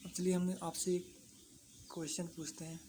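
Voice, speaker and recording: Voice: medium pitch, flat delivery, moderate pace, mellow, a little hiss or hum. A maths teacher explaining a lesson to exam students, repeating each point and asking and answering their own questions.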